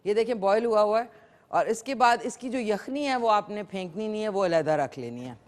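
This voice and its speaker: A woman's voice: mid-range voice, lively intonation, fairly quick. Chatty woman hosting a cooking show. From Pakistan. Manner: chatty, playful, mixes in English phrases. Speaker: morning show host. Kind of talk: live cooking show chat.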